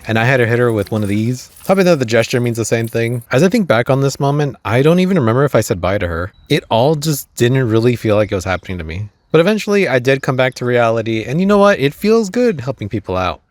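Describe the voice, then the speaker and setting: A man's voice: medium pitch, big pitch swings, quick pace, hardly any pauses, no echo. A young man telling comedic travel stories outdoors, self-deprecating with wry asides. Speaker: travel vlogger.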